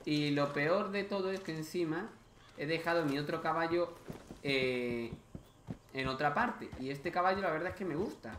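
A man giving casual let's-play commentary, exasperated and cursing freely as he talks to his viewers. His voice sits slightly high for a man. A roomy echo surrounds him. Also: moderate pace, a bit bright, slight background noise. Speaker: gaming video host.

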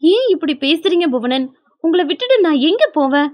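A woman's voice: very high voice, very animated, moderate pace, a little mellow, no echo. Woman voicing a frantic tearful young wife. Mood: pleading. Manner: trembling, frantic and pleading.

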